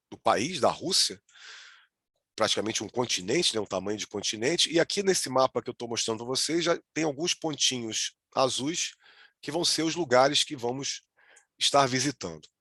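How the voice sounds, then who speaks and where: A Brazilian-accented man leads an online class through a video call, speaking in a mid-range voice. He talks in halting bursts, repeating words and tagging phrases with quick checks for the listeners. The sound is dry and close to the microphone. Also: medium pitch, a bit bright, slightly rough, no echo. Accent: Brazilian Portuguese. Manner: hesitant, with frequent restarts and "né?" checks. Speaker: lecturer leading a virtual tour. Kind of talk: online lecture.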